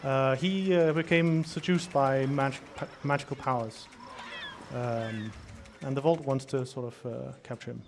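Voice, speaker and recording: A man giving casual live gameplay commentary in a hesitant, halting way as he explains the game. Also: medium pitch, steady tone, a little hiss or hum. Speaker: speedrunner. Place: live event with small audience. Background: game music and sound.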